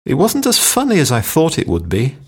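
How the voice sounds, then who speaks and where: With a fairly high, breathy-edged voice and huge pitch swings, a man briskly reads short everyday sentences for learners one at a time, acting out the intonation of each.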